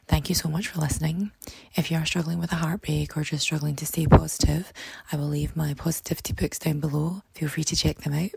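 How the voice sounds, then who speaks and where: Podcast host, female: very husky, croaky frog voice, gravelly and hoarse, earnest self-help delivery. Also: low-pitched, darkish tone, no echo. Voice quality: croaky, froggy voice. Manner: earnest, reassuring advice-giving. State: hoarse, voice partly lost.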